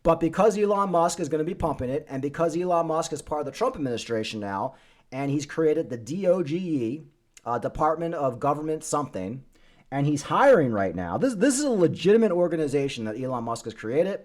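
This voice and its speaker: A man's voice: a little high, lively intonation, a little fast, darkish tone. A man hosting a crypto channel, giving casual off-the-cuff market commentary in a blunt, opinionated crypto bro manner full of hype.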